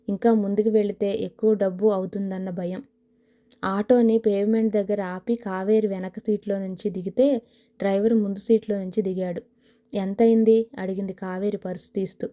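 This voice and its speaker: Woman reading an audio novel, really dark mellow voice, steady and even. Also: mid-range voice. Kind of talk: scripted narration.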